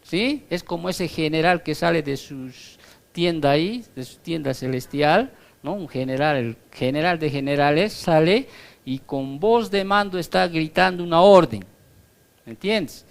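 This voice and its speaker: A man's voice: on the high side, lively intonation, measured pace, vocal fry. A male pastor giving a Bible study sermon in a conversational teaching tone, explaining through comparisons and constantly checking that his listeners follow.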